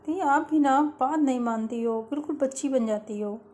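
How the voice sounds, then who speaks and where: A woman voicing Faiz, a schoolgirl who coaxes and hushes her friend in a playfully bossy way. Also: sits high, normal speed, natural voice. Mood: coaxing. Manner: coaxing, hushing, playfully bossy.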